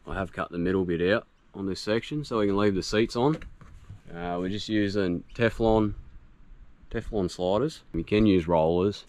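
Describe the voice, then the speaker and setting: With a low-pitched voice, an Australian vlogger in his thirties explains his homemade build outdoors in a grassy bush camp. The how-to talk is laid-back and practical, peppered with fillers, and outdoor noise can be heard behind him.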